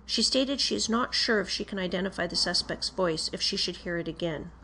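A woman's voice: lowish voice, brisk, pushed and bright, slight background noise, poor audio. Woman formally reading a police report. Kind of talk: formal read-aloud of a police interview report.

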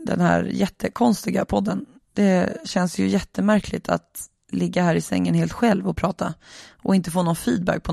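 Tired, gravelly solo podcaster. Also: medium pitch, a little mellow, dry recording, clean studio sound. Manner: reflective, rambling, many hesitations. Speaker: podcast host. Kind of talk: casual solo podcast monologue. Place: lying in bed, alone.

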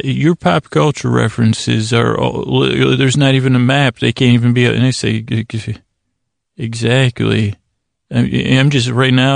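A podcast host rambles through a bedtime monologue in a gravelly, mid-range voice, stammering, halting, and starting over as he slides into silly tangents that poke fun at himself. The recording has no echo.

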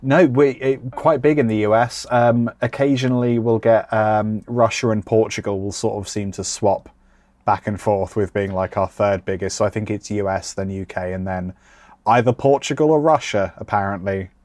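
A man with a fairly low voice hosts a podcast. He rambles casually with self-deprecating asides, and the sound is close and dry. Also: steady tone, moderate pace, a little mellow, no echo. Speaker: podcast host.

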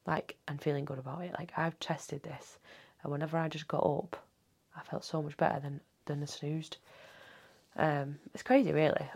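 A low-voiced woman in her thirties rambles through a late-night solo podcast from home. Her voice is husky with a gravelly edge, and she swears freely and often slips into a hushed half-whisper. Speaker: podcast host. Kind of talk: casual solo podcast chat.

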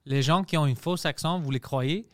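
A man's voice: on the high side, moderate pace, no echo, clean studio sound. A man speaking French with a Greek accent, a comedian hosting a casual podcast chat and slipping into English mid-sentence.

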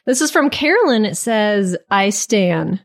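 A woman's voice: mid-range voice, very animated, a little slow. Woman co-hosting a podcast. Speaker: podcast co-host. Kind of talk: casual comedic podcast chat.

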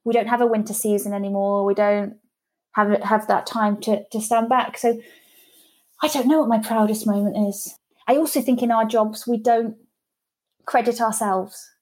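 A woman's voice: a little high, fairly even intonation, normal speed, a little mellow. A woman in her thirties, a guest talking candidly and chattily about running her own PR business, often restarting her sentences. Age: 30s. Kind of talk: casual interview conversation.

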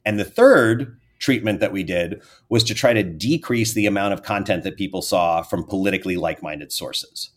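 A man, explaining research findings in an interview in a measured, academic way. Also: deep voice. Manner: measured, academic, trails off at sentence ends. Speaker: researcher guest.

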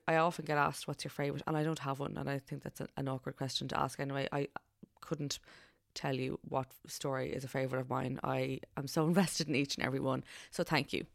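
A woman with an Irish accent hosts a podcast in a low voice with plenty of vocal fry. She speaks earnestly and informally, and the sound is close and dry. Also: no room sound. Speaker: podcast host. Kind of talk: podcast introduction and interview.

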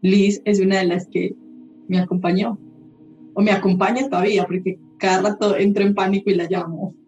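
A woman's voice: medium pitch, level tone, brisk, darkish tone. A woman speaks candidly as a podcast guest, dropping casual swear words as she tells her stories. Her voice sits in a roomy space with a slightly dull, muffled tone. Faint music plays underneath. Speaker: holistic therapist guest.

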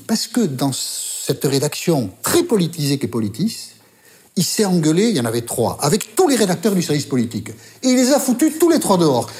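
An older man with a Basque accent, telling stories from his career as a journalist in a lively, casual way with the odd swear word. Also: high voice. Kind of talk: interview storytelling.

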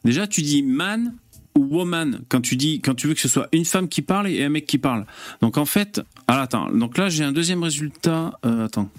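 A man's voice: on the high side, expressive, normal speed, dry recording, soft background music. A man hosting a casual live stream, chatting with viewers in a loose, hesitant way with lots of fillers and curse words. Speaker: host.

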